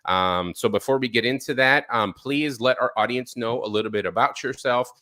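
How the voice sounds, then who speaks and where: This podcast host speaks with a medium pitch at a normal speed in a dry recording, running a live-streamed interview show on therapy. He keeps things relaxed and casual, using lots of ums and uhs.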